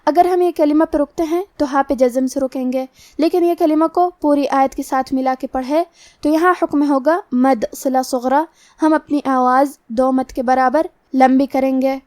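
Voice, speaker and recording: A woman with a high voice teaches Quran recitation, explaining each rule methodically, word by word. The sound is dry and close, with no room echo. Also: fairly even intonation, a little mellow. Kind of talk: tajweed lesson.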